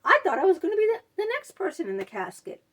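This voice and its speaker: A woman's voice: very high-pitched, sing-song, fast, a bit bright, distant mic, voice pushed up, exaggerated voice. A woman mimicking a self-absorbed middle-aged woman who gushes dramatically about her own near miss. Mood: dramatic.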